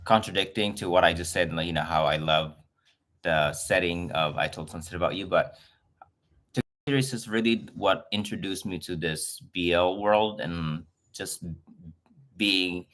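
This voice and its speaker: Chatty man, lowish voice. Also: normal speed, fairly bright tone. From Philippines. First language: Filipino. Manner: chatty and effusive, greeting viewers. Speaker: livestream host. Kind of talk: casual livestream chat with viewers. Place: home in Los Angeles.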